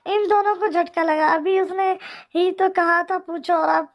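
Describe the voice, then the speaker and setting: A woman reads a novel aloud as an audiobook narrator. Her voice is very high, and she tells the story in a steady manner. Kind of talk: novel reading.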